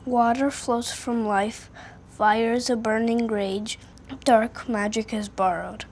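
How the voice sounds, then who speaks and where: In this audio drama, a clever young boy who speaks in an earnest, wondering tone. The pitch sits a little high. A faint hiss runs under the voice. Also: fairly even intonation, slow pace, darkish tone.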